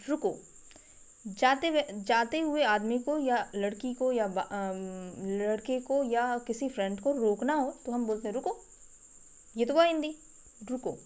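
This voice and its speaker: A woman with an Indian accent teaching English vocabulary, explaining each phrase slowly and repeating it with pauses. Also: fairly high pitch, a little mellow. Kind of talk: spoken English vocabulary lesson.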